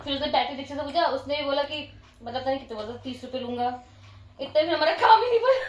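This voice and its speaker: High-voiced woman laughing through a story. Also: lively intonation, fast, slight background noise. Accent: Uttarakhand Hindi. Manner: laughing often while retelling. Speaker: vlogger. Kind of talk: casual storytelling. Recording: echoey room, from far off.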